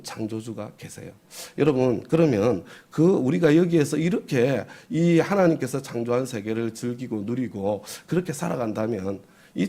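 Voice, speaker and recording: A man's voice: medium pitch, dark tone, husky. A middle-aged man, a pastor, preaching an early morning sermon and asking the congregation rhetorical questions.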